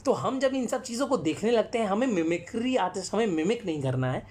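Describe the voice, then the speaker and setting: Animated and fairly quick, a man with a high, slightly mellow voice guests on a live stream, where he earnestly describes his work as a storyteller and actor. He answers viewers' comments and sprinkles English phrases throughout.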